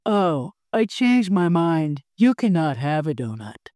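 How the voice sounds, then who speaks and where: A smug male panda from a picture book speaks in a slightly lowered, flat voice, as a woman acts him out. He drags his words in a dismissive way. The sound is dry and close. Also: slow, no echo.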